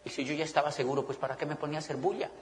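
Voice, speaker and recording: A man's voice: on the high side, racing, background noise. Colombian guy on stage mic, pumped-up motivational talk, keeps asking the crowd if they get it, long hall echo. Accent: Colombian Spanish. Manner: animated, often laughing, keeps checking the audience follows. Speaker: motivational business speaker. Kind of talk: motivational talk to a live audience. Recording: long reverb of a large hall.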